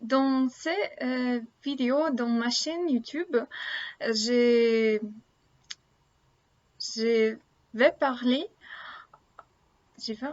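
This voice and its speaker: Very slow, halting Russian-accented woman. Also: fairly high pitch, a little mellow. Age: 30s. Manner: halting, searching for words. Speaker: language-learning vlogger. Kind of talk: casual monologue to camera in learner French. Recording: dull lo-fi sound.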